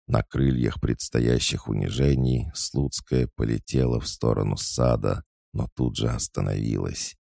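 A man's voice: extremely low pitch, vocal fry, warm tone, no echo, studio quality. A man reading a novel aloud, with dramatic, mocking storytelling. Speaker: audiobook narrator. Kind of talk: scripted narration.

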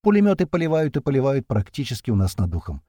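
A man's voice: medium pitch, big pitch swings, mellow, dry recording, clean studio sound. Slangy male narrator reading combat action. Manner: slangy, swearing, fast-moving action telling. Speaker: audiobook narrator. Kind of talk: first-person action narration.

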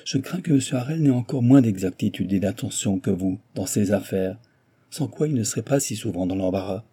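A man voicing an earnest young woman, a gentle but firm heiress, pleading with a friend. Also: on the low side, husky.

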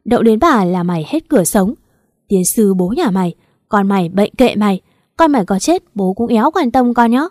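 A woman's voice: mid-range voice, lively intonation, moderate pace, darkish tone, no echo, clean studio sound, natural voice. A woman voicing an insolent, vulgar young woman in a storybook reading. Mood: taunting. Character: rude brash young woman, mistress type.

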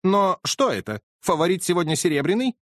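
An agitated, exclaiming old colonel with a racehorse riding on the day, as a man reading a storybook puts him on. The voice jumps high and hurries along. It sounds close and dry, with no room around it. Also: big pitch swings, a little fast, a bit bright, dry recording. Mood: excited. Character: excitable aristocratic old male colonel, racehorse owner.

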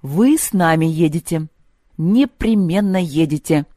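A woman's voice: deep voice, animated, unhurried, mellow, no room sound. A woman reading aloud, voicing an eager family man who insists on a picnic, close to her own voice. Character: enthusiastic middle-aged host of the family.

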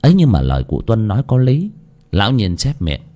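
A man's voice: lowish voice, wildly swooping pitch, a little fast, warm tone. Man telling a dramatic ghost story. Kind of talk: horror story narration.

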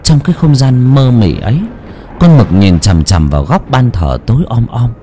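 A man narrating a ghost story in a slow, ominous, dramatic style. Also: medium pitch, sing-song, warm tone, a little hiss or hum. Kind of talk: scripted horror narration.

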